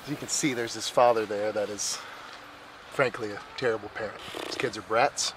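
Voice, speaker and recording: A man's voice: fairly low pitch, fairly even intonation, normal speed, close to an everyday voice. A man playing a self-righteous, bumbling officer in a comedy skit, earnest and preachy, with vehicle and outdoor noise behind.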